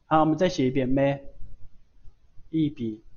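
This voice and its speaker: A man's voice: medium pitch, steady tone, measured pace. Patient male language teacher, dull lo-fi recording. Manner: patient, repeats each sound several times, adds chatty 哈 and 啊. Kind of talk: online lesson, writing on screen.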